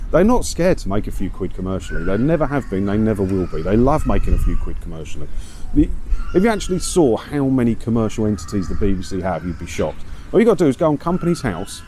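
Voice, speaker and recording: An English video blogger with a low, dark voice walks around a seaside town, casually sharing his opinions on news stories. His chat is full of rhetorical questions, and traffic and street noise fill the outdoor recording.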